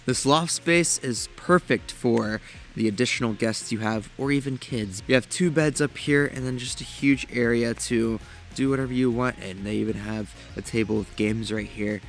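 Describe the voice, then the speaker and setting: A man's voice: mid-range voice, moderate pace, soft background music. A young man hosting a tiny house tour, narrating with enthusiasm and talking straight to viewers. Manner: enthusiastic, addresses viewers directly. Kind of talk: upbeat walkthrough narration.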